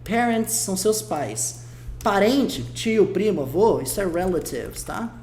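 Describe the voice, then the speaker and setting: A man with a Brazilian Portuguese accent teaching an English lesson, patiently repeating words slowly to model pronunciation. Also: high voice, expressive, darkish tone, a little hiss or hum. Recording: roomy echo.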